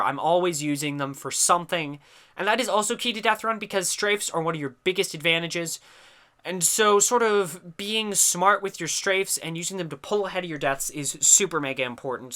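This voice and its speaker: A man's voice: high-pitched, bright, forceful tone. A young man with a stuffy, congested voice giving chatty, explanatory commentary over gameplay footage. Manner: chatty, explanatory, trails off with "I don't know". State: stuffy from a sinus infection. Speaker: gaming commentator. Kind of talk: recorded game commentary.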